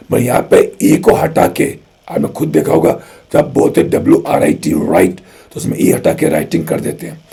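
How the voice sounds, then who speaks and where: A man's voice: deep voice, creaky, husky. A man with an Indian accent teaching spoken English, who explains patiently, repeats his key phrases and keeps asking rhetorical questions. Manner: chatty and lively, asks rhetorical questions.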